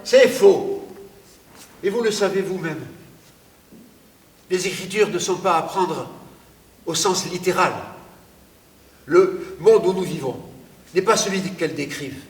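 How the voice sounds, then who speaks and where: Man playing high-voiced, stubborn scholar Galileo. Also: unhurried, pauses often. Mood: exasperated. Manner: argumentative, declamatory, impatient. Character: Galileo, stubborn, exasperated scholar losing his sight. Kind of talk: theatrical stage acting. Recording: echoey theatre hall from far off.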